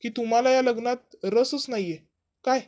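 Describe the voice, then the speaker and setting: A stern older man, taunting and sarcastic, played by a woman retelling a serial. The voice rises higher than her narration, pointed and mocking. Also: normal speed, a little mellow, natural voice.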